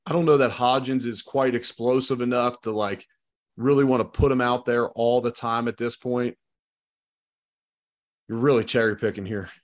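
A man giving relaxed, conversational sports commentary as a football analyst, with an informal way of talking. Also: medium pitch, normal speed. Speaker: football analyst, show guest.

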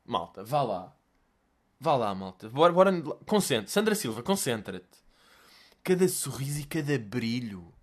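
A man's voice: mid-range voice, very animated, measured pace. A young man with a Portuguese accent giving sarcastic commentary, mocking and profane, with laughing asides. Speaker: vlogger.

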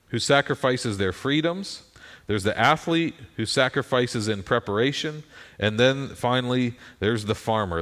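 A man's voice: medium pitch, a bit bright. Folksy American man preaching conversationally. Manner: folksy, self-deprecating, checks in with "right?". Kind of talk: conversational sermon.

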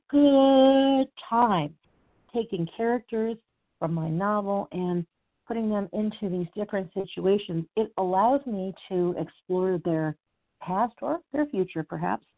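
A woman author talking casually about her writing, chatty and rambling, then reading her own story aloud. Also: on the low side. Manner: chatty, rambling, with fillers and restarts. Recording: tinny phone-like sound.

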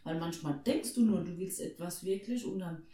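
A speaker in a casual conversation, agreeing and sharing their own experiences in a relaxed way. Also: medium pitch, normal speed, recorded from a distance. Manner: agreeable, shares personal experience. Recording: roomy echo, away from the mic.

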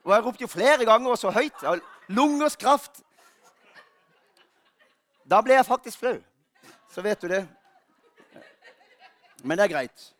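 High-voiced pastor preaching. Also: male voice, long pauses. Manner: lively storytelling, self-mocking humor. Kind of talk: Easter sermon.

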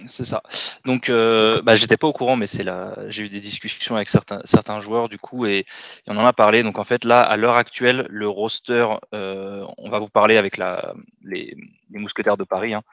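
Lowish french guy on a sports podcast, hedges a lot, dry dull mic. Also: little pitch movement, moderate pace, a bit bright, no echo. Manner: cautious, hedging, with fillers. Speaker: podcast co-host. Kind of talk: casual sports chat.

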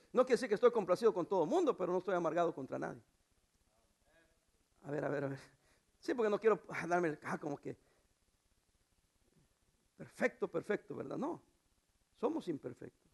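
A male pastor delivering a sermon, moving between hushed asides and loud emphatic exhortation. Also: big pitch swings, brisk, vocal fry, long pauses. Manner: acts out quoted voices in a high pitch.

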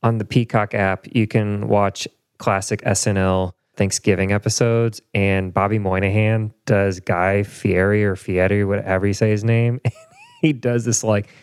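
A man's voice: lowish voice, little pitch movement, measured pace, clear, resonant tone, no echo, studio quality. A man hosting a casual podcast chat, joking around and laughing often. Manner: laughs often, chatty and jokey. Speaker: podcast host.

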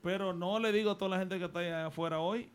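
A man's voice: sits high, steady tone, fast, clear, resonant tone. A man from the Dominican Republic with a Dominican accent, telling his life story earnestly as a radio studio guest and offering advice. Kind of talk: personal storytelling in a radio interview.

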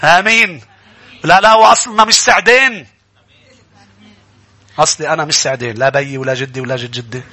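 A pastor preaching a sermon in church, animated and calling out to his congregation. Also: fairly high pitch, fairly quick, pauses often.

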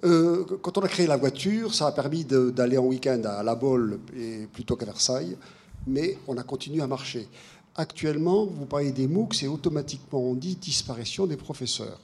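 A man in the audience taking the microphone, speaking haltingly with many repeated words. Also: medium pitch, darkish tone, husky. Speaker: audience member asking a question. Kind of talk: spontaneous question from the floor. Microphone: handheld microphone.

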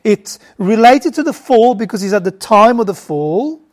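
A Bible teacher with a voice on the high side, animated and a little mellow, talks at normal speed during a casual group lesson. She frequently stumbles and starts sentences over, and she asks the audience questions.

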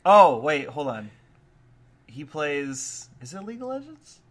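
A young man with a bright, tense edge to his voice chats casually on a gaming podcast. He is laid-back and jokey, with plenty of ums and uhs, and he sounds a little under the weather. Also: on the high side, sing-song, measured pace. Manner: laid-back, joking, filler-heavy. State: sick. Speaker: podcast co-host. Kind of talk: casual chat.

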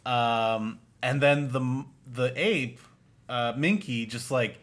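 A man's voice: mid-range voice, takes it slowly, fairly bright tone. A man co-hosting a casual movie-review chat, talking sarcastically and trailing off into mumbled asides. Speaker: podcast co-host.

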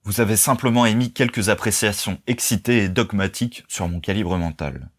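A man reading aloud and voicing a bold young orator in a novel, speaking with steady force. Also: on the low side, a little fast, close to an everyday voice. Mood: commanding. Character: bold young male orator, calm and commanding.

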